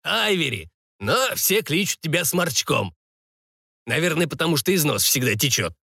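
A man putting on a gruff, cynical old wizard. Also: fairly high pitch, big pitch swings, normal speed, bright, forceful tone, no room sound, studio quality, full character voice. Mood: gruff, grumbling. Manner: gruff, indifferent mutter. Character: grumpy old male wizard servant, dry and cynical.

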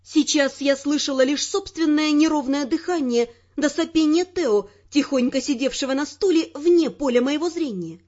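A woman narrating a first-person audiobook with expressive, dramatic delivery. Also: high voice, normal speed, hardly any pauses, muffled recording.

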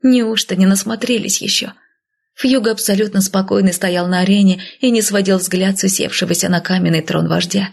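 A woman reads a first-person fantasy audiobook in a soft, intimate, hushed way. Her voice is husky and gravelly, set at a middle pitch. The narration stays close and quiet. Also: steady tone, a little fast.

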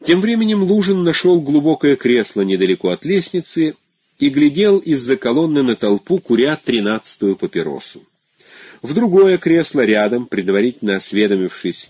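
A man narrating a literary novel in an expressive, measured storytelling manner. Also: mid-range voice, breathy edge, no room sound. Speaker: audiobook narrator.

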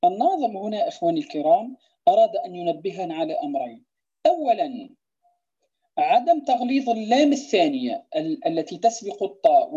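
A woman gives a recitation lesson, patiently explaining each rule and repeating example words slowly to show how they should sound. Her voice is mellow and somewhat husky. The recording is dull and lo-fi. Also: on the low side. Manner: demonstrates pronunciations by repeating words slowly, asks "clear?". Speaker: Quran recitation teacher. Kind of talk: tajweed lesson explaining verse.

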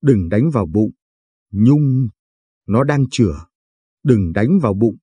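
A man reads out a young woman weighed down by guilt, pleading and blaming herself between tears. The voice is dark, soft and husky. The sound is dry and close. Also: lowish voice, expressive, takes it slowly, dry recording, full character voice. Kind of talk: audiobook reading.

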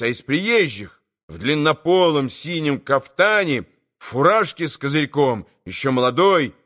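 A man reading a classic novel aloud as an audiobook narrator, in a measured way. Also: on the high side, fairly bright tone. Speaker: audiobook reader.

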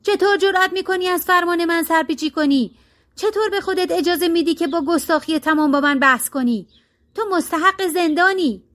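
Woman playing a proud, quick-tempered king from a folk tale; commanding, bellowing delivery. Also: on the high side, expressive, lightly acted. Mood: imperious. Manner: roaring, imperious. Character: proud hot-tempered old male emperor.

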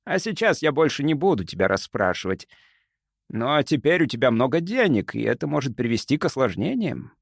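A man voicing a sly, smooth-talking older male doctor who speaks softly and stays unflappable. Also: mid-range voice, brisk, no echo, studio quality. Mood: gentle, fatherly. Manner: soft, sweetly calm, unflappable.

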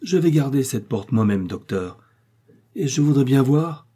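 A man voicing a stout, excitable innkeeper's wife who talks loudly and emphatically. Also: lowish voice, normal speed, slightly rough. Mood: fierce. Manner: loud, emphatic, exclaiming.

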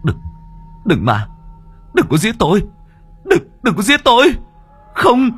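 A man's voice: a bass voice, a little fast, soft background music, pitched below the performer's own voice. A man voicing a terrified old man, stammering and pleading in panic in an audio horror story. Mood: panicked.

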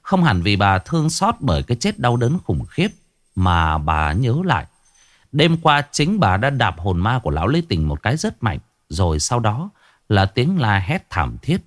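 Expressive male ghost-story narrator. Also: lowish voice, moderate pace.

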